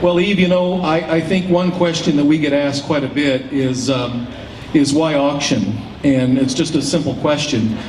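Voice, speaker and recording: A man's voice: on the high side, steady tone, normal speed. A man hosting a public event, explaining things to an audience in a folksy way. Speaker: auctioneer and event emcee. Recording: roomy PA sound, distant, faint noise.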